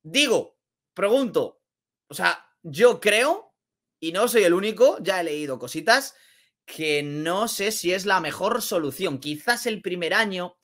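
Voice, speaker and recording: A man with a Spain Spanish accent giving casual basketball commentary, energetic and exclamatory, repeating phrases for emphasis. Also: high-pitched, a little slow. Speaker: basketball vlogger.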